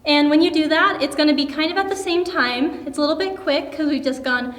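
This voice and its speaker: A young woman with a high, bright voice leads a children's dance class, explaining steps in an encouraging, upbeat way. Her voice rings with a long reverb, as if she is in a big, echoey room. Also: a little fast. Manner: upbeat, encouraging, counts and demonstrates moves. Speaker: dance teacher. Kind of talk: kids' dance lesson.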